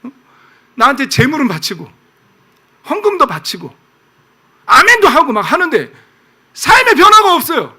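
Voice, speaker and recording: A pastor voicing an exasperated God who scolds his people in blunt, loud, casual speech. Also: extremely high pitch, sing-song, brisk, pitched above the performer's own voice, full character voice. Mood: scolding.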